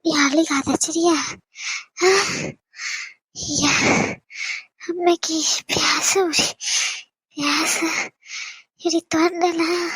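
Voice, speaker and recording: A woman's voice: very high voice, steady tone, takes it slowly, pauses often, no echo. A woman voicing a frail, breathless old mother. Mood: soothing. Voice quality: soft, weak and breathless. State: short of breath. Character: frail dying elderly mother, tender. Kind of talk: animated drama dub.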